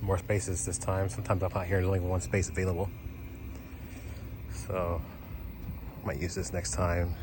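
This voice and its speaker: A man vlogging casually outdoors at car chargers, relaxed and offhand as he talks through each step. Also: deep voice, moderate pace, long pauses. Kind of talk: casual narrated vlog. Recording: loud outdoor ambience and traffic noise. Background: loud outdoor and vehicle noise.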